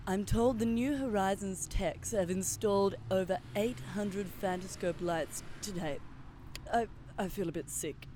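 A woman's voice: mid-range voice, a little slow, warm tone, slight background noise, lightly acted. A woman playing an anxious field reporter in a parody live news report, faltering and distressed. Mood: uneasy, woozy.

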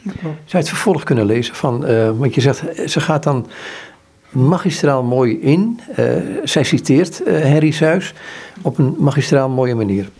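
A man's voice: mid-range voice, expressive, a little slow, darkish tone, breathy edge. A man interviewing a guest, asking questions in a hesitant way.

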